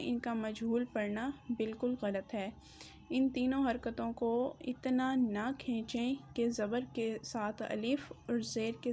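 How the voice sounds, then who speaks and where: A woman teaches reading by slowly sounding out each syllable with careful emphasis. Her voice sits a little high and stays quite flat in melody. A faint hiss runs under the recording. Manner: drawn-out, emphatic pronunciation drills.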